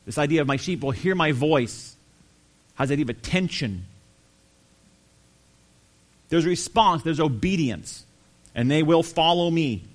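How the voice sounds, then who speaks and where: A man preaching a sermon, earnest and emphatic, slowing down to stress key phrases. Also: fairly high pitch, animated. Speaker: pastor.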